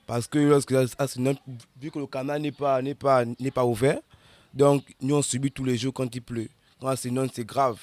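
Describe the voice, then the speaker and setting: A man's voice: mid-range voice, level tone, normal speed, darkish tone, no room sound. A man, a resident in a street interview, speaking hesitantly and repeating words. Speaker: flood-affected resident.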